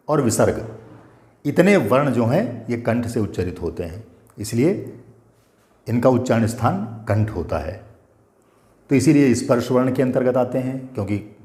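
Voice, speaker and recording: A man's voice: mid-range voice, darkish tone, roomy sound. An older man teaching Sanskrit grammar, patiently repeating terms and asking his students questions. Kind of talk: explanatory grammar lesson.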